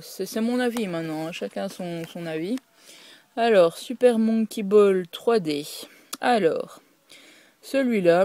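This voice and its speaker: A woman's voice: lowish voice, mellow, no echo. A woman talking casually at home, presenting her collection in a hesitant way full of fillers and restarts. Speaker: video creator showing her game collection.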